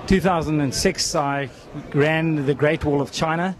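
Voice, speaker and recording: A man's voice: fairly high pitch, a little slow. A man in his fifties from South Africa, talking earnestly into a handheld mic at an indoor expo stand about running for charity. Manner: earnest, inspirational, with frequent ums. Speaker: interviewee, ultra runner. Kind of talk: talking to camera at a race expo.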